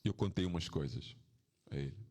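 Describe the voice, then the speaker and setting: A man, a swami, gives an informal spiritual talk to devotees, reflective and anecdotal, with rhetorical questions and frequent dips into a soft, low tone. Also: moderate pace.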